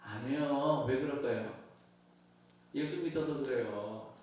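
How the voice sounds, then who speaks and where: A man's voice: medium pitch, a little slow, a little mellow. A male pastor giving a conversational sermon to his congregation, often asking them questions. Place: church sanctuary. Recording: echoey church from far off.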